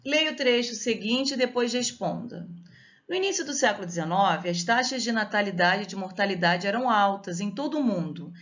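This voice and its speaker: A woman's voice: medium pitch, lively intonation, moderate pace, fairly bright tone. Woman teacher, Brazilian Portuguese accent, grammar lesson, step-by-step explaining, muffled lo-fi sound. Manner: explains step by step, checks with students.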